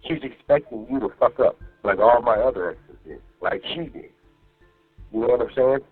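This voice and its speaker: A man calls from jail and vents to his partner in a loose, profane ramble, often checking in with "you know what I mean" and repeating himself so he's understood. His medium-pitched voice has lively intonation, a moderate pace and a breathy edge. The jail phone line is muffled, with faint music behind him.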